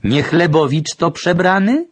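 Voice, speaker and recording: A man's voice: on the high side, lively intonation, unhurried, husky, no echo, voice pushed up. A man voicing a suspicious, half-deaf old grandfather in an audiobook, asking fearful questions. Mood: wary.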